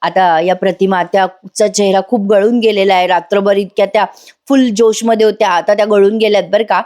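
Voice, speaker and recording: A woman's voice: medium pitch, fairly even intonation, brisk, darkish tone. A woman narrating a chatty voice-over recap of a TV serial, talking straight to her viewers. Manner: chatty, addressing viewers directly. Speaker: serial reviewer.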